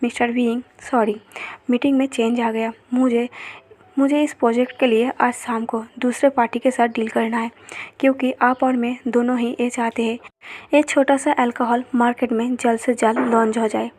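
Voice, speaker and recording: A woman's voice: on the high side, level tone, normal speed, a little mellow, dry recording, natural voice. A woman reading the lines of a polite male business partner plainly within her story narration. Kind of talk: narrated fan-fiction retelling.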